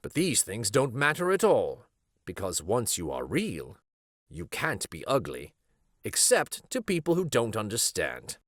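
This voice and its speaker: A man's voice: lowish voice, huge pitch swings, a little slow, fairly bright tone, dry recording, studio quality, heavily acted. A man voicing an old, shabby, wise toy horse in a storybook, explaining things patiently and truthfully. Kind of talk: storybook character voice.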